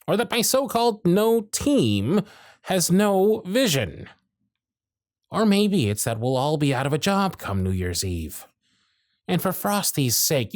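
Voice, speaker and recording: In a closely miked ASMR roleplay, a male voice actor plays a jaded workshop supervisor who is a century old: gruff, weary, sardonic and blunt. His voice sits on the high side, and the recording is dry.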